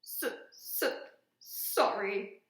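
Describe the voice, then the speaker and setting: A woman's voice: a bit bright, reverberant. A woman voicing a big, tearful male half-giant groundskeeper who stammers through his sobs, reading a storybook aloud. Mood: sniffling. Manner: sobbing, stammering, slow.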